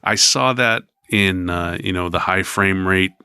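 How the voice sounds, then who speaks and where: A man's voice: sits low, a little slow, bright, forceful tone, clear, resonant tone, dry recording, clean studio sound. A man in his fifties co-hosting a podcast in casual chat, rambling and hesitant with frequent ums. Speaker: podcast co-host.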